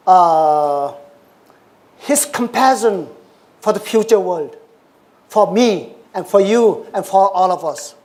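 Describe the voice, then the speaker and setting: Lecturer. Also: medium pitch. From Nepal. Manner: short, repeated, simple English phrases. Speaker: Buddhist lecturer. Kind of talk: dharma talk with Q&A.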